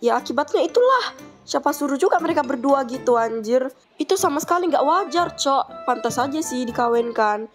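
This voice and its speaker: A woman's voice: sits high, expressive, brisk, over music. A woman voicing Nes, a blunt, slangy teenage schoolgirl who loves gossip. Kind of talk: casual role-play drama voices.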